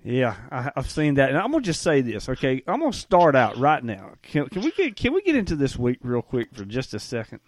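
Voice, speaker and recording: A man hosting a podcast, telling a story in a rambling, folksy, animated way. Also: mid-range voice, fairly quick, hardly any pauses, dry recording, studio quality. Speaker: podcast host. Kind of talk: casual podcast chat.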